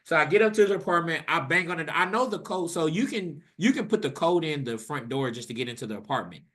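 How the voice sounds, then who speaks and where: A young man co-hosting a podcast, telling a story in casual, profane chat and acting out the quotes with a rising voice. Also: fast talker. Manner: animated, profane, acts out quotes with rising pitch. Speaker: podcast co-host.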